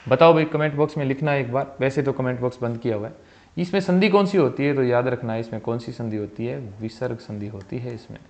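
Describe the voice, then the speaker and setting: A man teaching a Hindi exam-prep spelling lesson, repeating each word and its correct form and often dropping his voice softly at the ends of phrases. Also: medium pitch. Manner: calls viewers "bhai", asks them questions; voice drops soft at the end of phrases. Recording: slightly dull, lo-fi sound.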